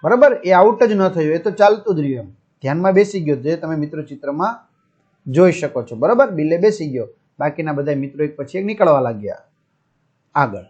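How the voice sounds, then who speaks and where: A man's voice: fairly high pitch, expressive, brisk, a little mellow, breathy edge. A man teaching young pupils, reading a story aloud, restating each line in simpler words and checking in with his listeners. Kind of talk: reading and explaining a school lesson. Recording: dull lo-fi sound.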